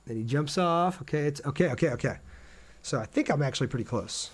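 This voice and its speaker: With a somewhat high voice, this man talks fast and animatedly while hosting a casual gaming livestream. He thinks out loud and chats with his viewers as he plays, over slight background noise.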